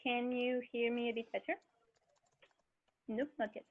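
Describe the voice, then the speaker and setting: A woman's voice: on the high side, little pitch movement, unhurried. Muffled woman, as if through a wall. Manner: friendly, hesitant, frequent fillers and small laughs. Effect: muffled, as if heard through a wall. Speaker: dance and movement teacher. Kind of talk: online class introduction. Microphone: cheap headphone mic on a video call. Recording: muffled tinny video call through cheap headphones.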